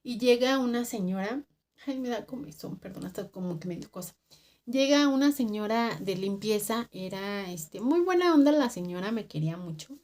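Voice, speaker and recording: A woman's voice: medium pitch, normal speed. Mexican woman telling a scary story. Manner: animated storytelling, drops to a hushed voice for tense moments. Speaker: vlogger. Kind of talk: storytime vlog.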